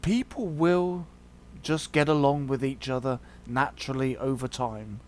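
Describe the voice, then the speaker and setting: A man's voice: mid-range voice, fairly even intonation, unhurried, darkish tone. A man hosting a video, giving a casual opinion monologue in a hesitant, reflective way. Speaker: video host.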